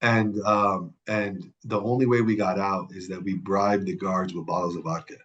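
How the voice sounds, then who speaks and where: A low-voiced man from the Middle East speaks at normal speed with a flat delivery and fairly bright tone, the highs cut off in the recording. As a podcast guest he tells personal stories conversationally, emphasizing things through repeated words and frequent restarts and self-corrections.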